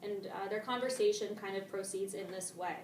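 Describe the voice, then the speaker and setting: A woman's voice: mid-range voice, fairly quick. A woman teacher leading a casual discussion of a play, paraphrasing the text in everyday modern slang. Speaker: English teacher. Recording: roomy, distant mic, faint noise.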